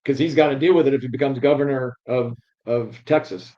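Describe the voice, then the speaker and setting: A man hosting an interview, asking questions in a halting way and rephrasing as he goes. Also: medium pitch, steady tone, mellow. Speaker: interviewer host. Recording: dull lo-fi sound.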